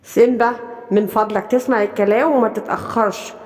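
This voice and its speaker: A woman's voice: mid-range voice, fairly even intonation, fairly quick, a little mellow, in a large hall, pitched below the performer's own voice, lightly acted. A woman with an Egyptian accent voicing a worried lioness mother scolding her cub in a cartoon story. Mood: fretful. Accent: Egyptian Arabic. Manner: anxious, scolding.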